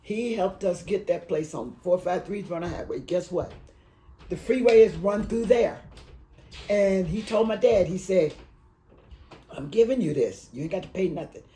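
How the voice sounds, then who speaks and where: A woman in her eighties from Alabama, raised in Detroit, telling her life story in an oral history interview, rambling and halting with emotion. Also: fairly low pitch, mellow, a little hiss or hum, rough recording. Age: 80s.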